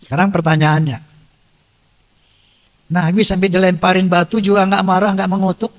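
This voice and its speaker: A man with a high voice delivers a sermon, his words ringing out with a long reverb tail as in a large hall. He recites Arabic verses, explains them plainly, and keeps asking questions that he answers himself. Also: level tone, normal speed. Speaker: preacher.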